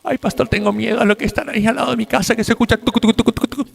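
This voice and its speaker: A man's voice: very high voice, fairly even intonation, rapid-fire, vocal fry, pitched above the performer's own voice, exaggerated voice. A male preacher voicing a frightened churchgoer who complains in a whiny, fearful rush. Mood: fearful whine.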